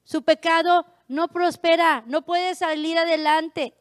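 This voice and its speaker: Hoarse woman preacher, high and dry. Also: flat delivery, slow pace, dry recording. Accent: northern Mexican. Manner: raises her voice to be heard, frequent rhetorical "¿verdad?". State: hoarse, losing her voice. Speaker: pastor. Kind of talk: sermon.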